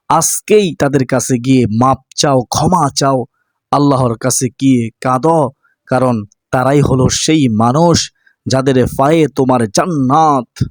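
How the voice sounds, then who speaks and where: A man's voice: mid-range voice, a little mellow, no room sound. Man, preacher, earnest exhortation, direct address, dry sound. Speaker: Islamic preacher. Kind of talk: sermon.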